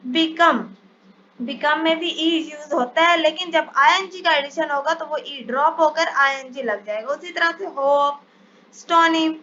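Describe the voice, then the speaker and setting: A woman teaching English spelling rules in a step-by-step lesson, reading each English rule out slowly before explaining it. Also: sits high, bright, forceful tone. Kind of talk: spelling lesson over slides. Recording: dull lo-fi sound, faint hiss.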